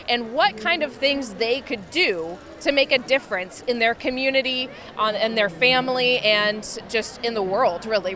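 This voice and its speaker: A woman who does farm stress outreach, answering interview questions in an upbeat, earnest and optimistic way in a busy convention expo hall. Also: fairly high pitch.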